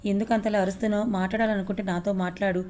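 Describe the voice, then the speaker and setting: A woman's voice: mid-range voice, level tone, racing, darkish tone, close to an everyday voice. A woman voicing a stubborn, angry young husband who talks curtly, in a narrated love story. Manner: curt, stubborn.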